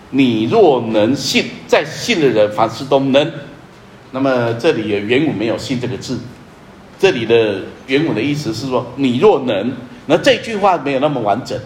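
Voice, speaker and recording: A man preaching a sermon as pastor, earnest and emphatic, repeating key phrases and often dropping to a soft, low voice. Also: reverberant, slight background noise.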